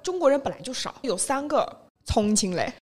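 Shanghai woman, brisk, animated storyteller, slightly high voice. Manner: chatty, lively storyteller, quotes people and mixes in English phrases. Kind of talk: casual chat.

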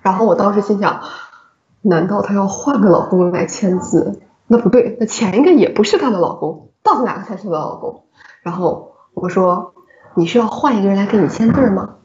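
Woman telling a hospital story, lively. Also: mid-range voice, a little fast. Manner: lively storyteller who laughs often. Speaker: obstetrician and podcast co-host. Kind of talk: casual chat, telling a work story. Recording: roomy, slightly dull recording.

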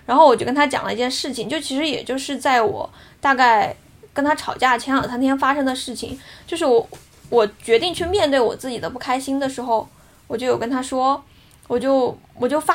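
A woman's voice: high-pitched, a little fast. A woman in her thirties on a casual podcast, telling a personal story in an earnest, reflective way. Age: 30s. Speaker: podcast co-host.

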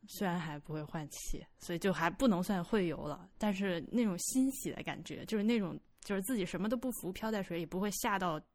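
A woman co-hosting a casual podcast, her voice sitting a little low. She chats freely and tells her own stories with a self-deprecating humor. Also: a little fast, few pauses. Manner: chatty, self-deprecating, animated storytelling. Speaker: podcast co-host. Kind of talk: casual chat.

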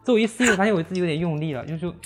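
Fast-talking, animated man telling stories. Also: sits high, very noisy. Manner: animated storyteller, acts out his own lines; laughs while telling stories. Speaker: guest. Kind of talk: casual podcast chat.

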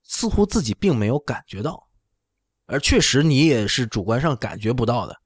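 A middle-aged man, not a native Chinese speaker, works as an orthopedic doctor and gives a casual medical explanation on a talk show, repeatedly asking "right?". His mid-range voice swings widely in pitch with a breathy edge at a moderate pace, recorded dry with no room sound.

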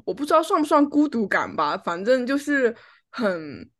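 A woman's voice: fairly high pitch, very animated, normal speed, fairly bright tone. A woman chatting casually at home as a podcast co-host, telling a personal story and acting out the lines of an argument. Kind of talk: casual chat.

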